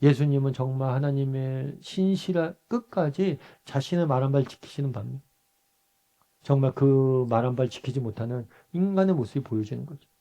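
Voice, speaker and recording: With a medium-pitched, dark voice at a normal speed, a pastor from Busan, South Korea guides a Bible study conversationally. He questions the group, supplies his own answers, and performs short quoted lines loudly.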